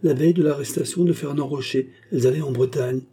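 A man voicing an eager young man reporting news in an audiobook, with a dark, husky voice. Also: medium pitch, steady tone, quick pace, voice pushed up, close to an everyday voice. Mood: anxious. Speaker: character in a read novel. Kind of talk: audiobook character reading.

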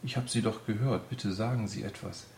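A man's voice: on the low side, steady tone, a little fast, gravelly, a little mellow, slight background noise. A man voicing a frightened, injured young girl who speaks weakly and anxiously. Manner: weak and anxious. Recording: roomy echo.

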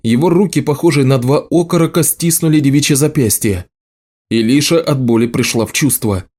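A man narrating an audiobook in a steady storytelling delivery. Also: medium pitch, a little fast. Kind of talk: scripted narration.

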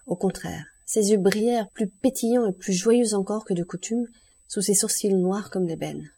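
A woman reading a classic novel aloud as an audiobook, in a measured, even storytelling manner. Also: mid-range voice, slightly rough. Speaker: audiobook reader.

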